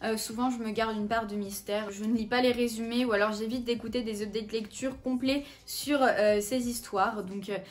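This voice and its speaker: A woman's voice: a little high, fairly even intonation, normal speed, few pauses. A young woman with a French accent, chatting casually at home about the books she plans to read, with many fillers and self-corrections. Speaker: book vlogger. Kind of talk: casual chat. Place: at home in front of her bookshelves.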